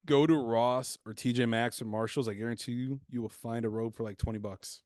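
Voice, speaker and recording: A man's voice: medium pitch, steady tone, fairly quick, darkish tone, no room sound. Joking podcast co-host man, dry close mic. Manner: joking, laughs often. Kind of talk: casual crude banter.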